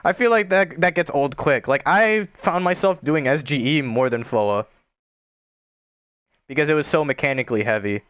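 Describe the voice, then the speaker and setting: A man's voice: on the high side, moderate pace, fairly bright tone, dry recording. A young man chatting casually on a gaming stream, rambling and swearing with lots of filler words.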